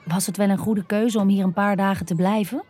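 A woman narrating a first-person erotic story in an intimate, hushed and dreamy way. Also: medium pitch, steady tone, fairly quick, slightly rough.

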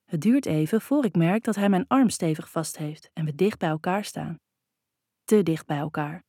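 A woman narrates a first-person novel in a calm, even reading voice. Her voice sits fairly low and the recording is dry and close, with no room sound. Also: moderate pace, husky, dry recording. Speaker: audiobook narrator.

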